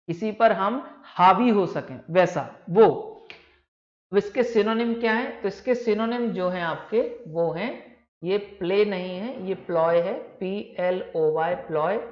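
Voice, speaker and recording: A man teaching a vocabulary lecture to exam students, explaining patiently, repeating key words and calling his students "beta". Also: high voice. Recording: echoey room, dull lo-fi sound.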